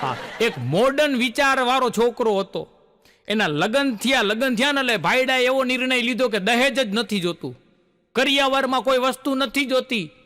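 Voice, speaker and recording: A man's voice: extremely high pitch, pushed and bright. A male stand-up comedian, telling folksy jokes and acting out the lines of his characters.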